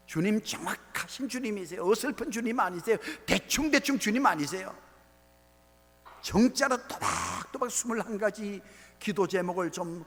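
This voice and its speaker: A middle-aged man, a pastor, preaching a sermon in a large church sanctuary, rising to shouts and dropping to quiet asides. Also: high voice. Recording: long hall reverb.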